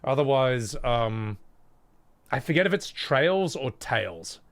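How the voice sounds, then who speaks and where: A man's voice: mid-range voice, very animated, slow. A man streaming casual, blunt live commentary with exasperated swearing. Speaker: streamer reacting to game trailers.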